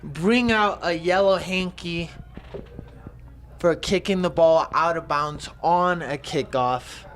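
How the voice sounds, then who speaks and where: A man doing excitable, rambling color commentation on a football game. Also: a little high, takes it slowly. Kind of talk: live sports commentary.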